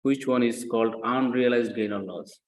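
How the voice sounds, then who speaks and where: The audio is poor as a male accounting lecturer takes his class through a worked example. His medium-pitched voice has fairly even intonation and a moderate pace, and his didactic style involves repeating main points and often checking in with brief questions.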